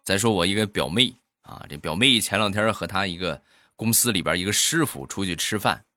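A man telling a comic joke monologue in a lively way, with drawn-out particles on his punchlines. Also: low voice, no echo, soft background music. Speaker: comic storyteller.

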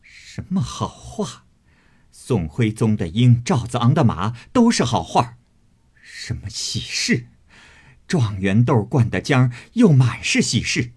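A man's voice: low voice, darkish tone, husky, full character voice. A man voicing a proud, fiery young maid who scolds with scorn, in a storybook reading.

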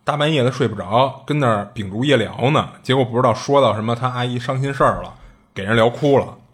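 A man's voice: medium pitch, quick pace, husky. A man casually retelling a strange story, chatty and colloquial, often circling back with little restarts and asides.

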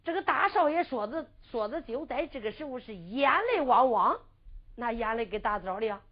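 High, lively woman ballad storyteller. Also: normal speed. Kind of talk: Chinese qinshu ballad storytelling, sung and spoken. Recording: dull lo-fi recording.

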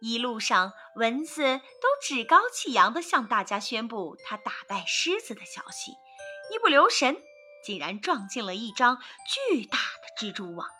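A woman narrating a storybook for children in an expressive, sing-song way. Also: fairly high pitch, normal speed, soft background music.

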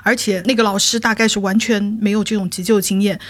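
A woman telling stories in a casual chat, animated, often laughing and building to mock outrage. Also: medium pitch, quick pace, no echo.

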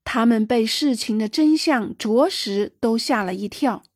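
Female audiobook narrator, fairly high voice, dry close recording, livens up for dialogue. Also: unhurried, darkish tone, dry recording. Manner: raises pitch and volume for quoted dialogue. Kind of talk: scripted narration.

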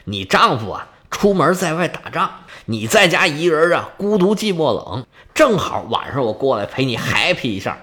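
A man's voice: on the high side, very animated, moderate pace, hardly any pauses, a bit bright. A man voicing an arrogant young prince who leers and mocks in a storytelling performance. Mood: smug leering. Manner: smug, mocking.

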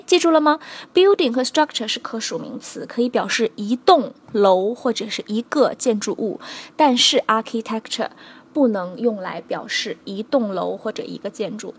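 Woman, young adult, English teacher, fairly high voice, mixes Mandarin and English, patient lesson delivery. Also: breathy edge. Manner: explains English vocabulary in Mandarin, mixing in English examples; patient, checks in with students. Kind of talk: recorded language lesson.

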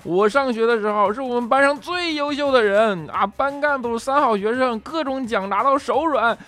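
A man voicing a sulky, boastful young wife in a high, whining voice within a comedy monologue. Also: wildly swooping pitch, normal speed, fairly bright tone, exaggerated voice. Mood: whiny boastful.

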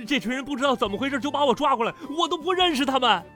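A man's voice: very high voice, sing-song, unhurried, soft background music, voice pushed up, full character voice. A man voicing a fawning, cowardly young man in an audiobook, whiny and groveling. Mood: panicked pleading. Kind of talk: audiobook character voice.

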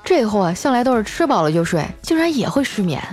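A woman hosting a show, telling comic stories about her life in a chatty way, with lots of drawn-out filler particles. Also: fairly high pitch, very animated, over music. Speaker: host. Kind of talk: scripted comic storytelling.

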